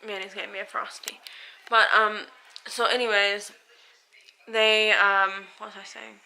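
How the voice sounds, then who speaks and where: A woman's voice: medium pitch, level tone, measured pace, creaky, pushed and bright, rough recording. An American woman vlogger chats casually and candidly to camera, rambling a little, with a sore, swollen mouth after dental surgery. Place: at home.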